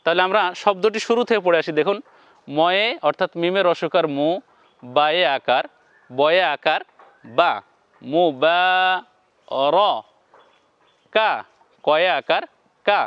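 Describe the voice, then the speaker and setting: Man teaching recitation, syllable by syllable, high voice, dry dull sound. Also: clean tone, no echo. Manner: spells out syllables slowly, then chants the words. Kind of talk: step-by-step lesson.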